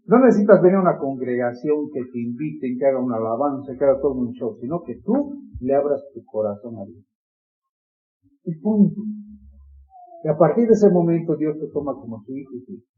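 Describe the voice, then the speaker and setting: A man's voice: mid-range voice, animated, fairly quick, narrow, tinny audio, soft background music. A man preaching a sermon in an earnest, pleading manner, with many repetitions.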